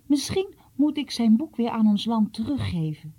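A woman's voice: fairly high pitch, big pitch swings, normal speed, warm tone, slightly rough, pitched above the performer's own voice, heavily acted. A woman reading the part of an earnest, troubled schoolboy who pleads and stammers.

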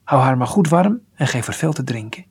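A man voicing a kind, brisk male doctor in a read-aloud children's story, raising his voice higher for the part. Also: expressive, slightly rough. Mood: reassuring.

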